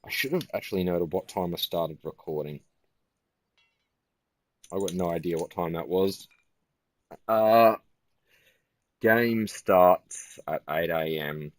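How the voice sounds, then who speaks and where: A tired man giving casual gameplay commentary in a flat, musing way. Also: low voice, takes it slowly, long pauses, no echo. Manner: self-described monotone, relaxed and musing.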